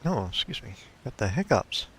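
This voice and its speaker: A man's voice: lowish voice, sing-song, moderate pace, slight background noise. A man giving casual gameplay commentary as a let's play host, thinking aloud and talking to his viewers.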